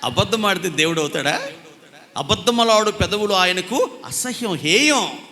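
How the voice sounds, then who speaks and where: Male pastor, high piercing voice, storytelling sermon with sung phrases, echoey hall. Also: sing-song, normal speed, sharp tone, a little hiss or hum. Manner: storytelling preacher acting out quarrels, breaking into sung lines.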